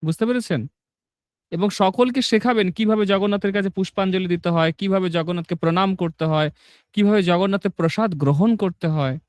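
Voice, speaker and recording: High clear-voiced religious teacher. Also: male voice, brisk, no room sound, clean studio sound. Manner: instructive, asks "understood?" often. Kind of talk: devotional class and chanting names.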